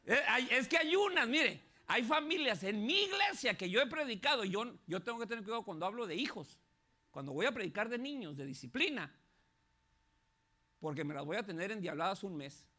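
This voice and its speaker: A man, a pastor preaching an animated sermon with laughs and shouted peaks. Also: high-pitched, a little fast.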